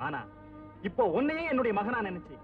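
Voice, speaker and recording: This is a gentle, fatherly older eye doctor, who is still grieving and keeps slipping English phrases into what he says. His voice sits high and moves lively up and down. It comes from far off on a thin, tinny old film soundtrack with music behind. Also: brisk. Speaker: eye surgeon.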